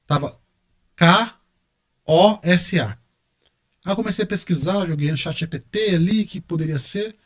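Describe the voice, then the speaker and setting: Animated Brazilian man with a higher voice. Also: quick pace. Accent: Brazilian Portuguese. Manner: animated, repeats words for emphasis. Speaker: guest, university professor and engineer. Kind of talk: casual podcast interview.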